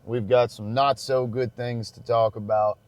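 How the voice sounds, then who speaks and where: A man's voice: medium pitch, steady tone, unhurried, a little mellow, no room sound. Young adult male road-trip vlogger, drawl, easygoing chatter to camera while driving. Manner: chatty, addresses viewers as y'all. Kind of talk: casual road-trip vlog talk. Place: inside a moving truck.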